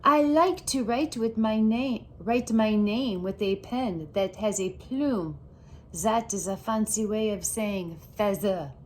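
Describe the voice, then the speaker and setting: A woman voicing an excitable little girl who adores fancy things, with a dramatic, grandly precious delivery in a storybook. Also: medium pitch, slow pace, slight background noise, natural voice. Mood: proud, delighted.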